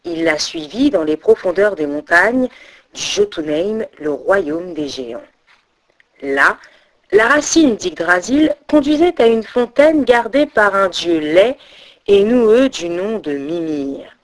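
A woman storyteller narrating a myth in an expressive, dramatic reading. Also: medium pitch, takes it slowly.

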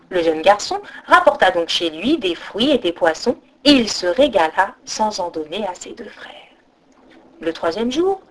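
Lively woman storyteller. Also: on the high side. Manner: expressive, with sung-out sound effects. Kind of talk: storybook narration.

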